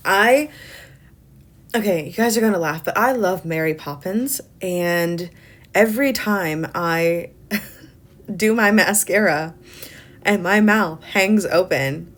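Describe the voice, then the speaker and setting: A young woman with a slightly low voice, talking through her makeup routine in a loose, chatty way. She rambles, fills pauses with ums, and pokes fun at herself as she goes. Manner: self-deprecating humor. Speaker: beauty vlogger. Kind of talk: casual makeup tutorial voice-over.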